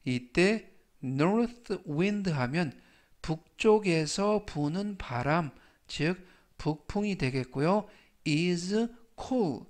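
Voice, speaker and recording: Slow, patient man teaching words. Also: fairly high pitch. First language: Korean. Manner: slow, patient delivery, repeating each word three times. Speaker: English vocabulary teacher. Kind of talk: scripted vocabulary lesson.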